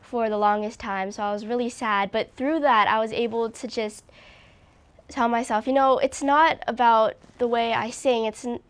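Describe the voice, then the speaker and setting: A woman's voice: a little high, fairly even intonation, normal speed, clear, resonant tone. A young woman from Hawaii, a recording artist being interviewed, talking earnestly and openly with a slightly congested voice. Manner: earnest, open, frequent "like". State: a little congested. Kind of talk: casual interview chat.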